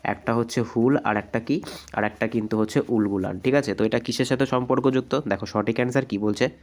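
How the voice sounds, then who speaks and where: Hoarse male tutor from West Bengal, patient explainer, mid-pitched, keeps checking that students follow. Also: fairly even intonation, fast, darkish tone. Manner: explanatory, repeats "ঠিক আছে?" often. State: hoarse from a cold. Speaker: exam coaching teacher. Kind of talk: exam practice lesson.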